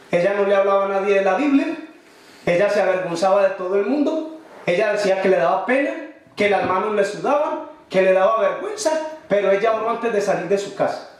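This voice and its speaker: A man preaching a sermon as a story, asking the congregation questions and acting out the people in it. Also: high-pitched. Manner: asks the congregation rhetorical questions; acts out the people in his story. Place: large church hall. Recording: very echoey hall from far off, faint music.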